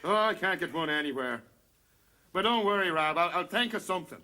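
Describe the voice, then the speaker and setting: Highish-voiced Glaswegian schemer. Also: male voice, lively intonation, fairly quick, bright, forceful tone, heavily acted. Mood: harried. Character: scheming, coarse Glasgow pub pal, hungover. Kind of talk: television sitcom acting. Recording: noisy TV sound with audience.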